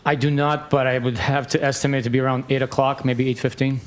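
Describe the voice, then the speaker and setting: Flat-toned policeman giving hesitant testimony. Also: mid-range voice, fast. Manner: matter-of-fact, hesitant, formal. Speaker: police sergeant testifying as witness. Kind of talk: courtroom testimony. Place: courtroom.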